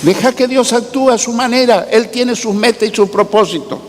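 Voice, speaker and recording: A man preaching a sermon, slow and dramatic, sometimes rising to a near shout. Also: very high-pitched, a little hiss or hum. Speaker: pastor. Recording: long hall reverb.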